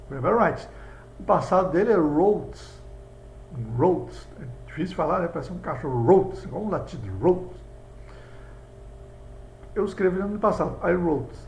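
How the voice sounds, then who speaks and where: Speaking with a Brazilian Portuguese accent, this English teacher guides students through board examples in an explanatory video lesson. He has a high, animated, darkish voice with vocal fry, a moderate pace and frequent pauses. A faint background hum runs through the echoey room.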